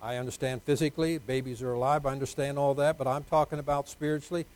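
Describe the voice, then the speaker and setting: An older man preaching a folksy sermon, joking with the congregation, dropping to quiet asides and rising to loud, drawn-out emphasis. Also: mid-range voice, fairly even intonation, poor audio. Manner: jokes with the congregation, asks for amens.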